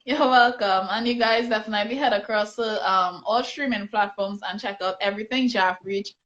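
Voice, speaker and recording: A woman's voice: mid-range voice, steady tone, normal speed, a bit bright, muffled recording. A woman interviewing a guest in a casual, teasing chat full of laughter over a phone live stream. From Trinidad and Tobago. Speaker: interviewer blogger. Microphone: phone on a live video stream.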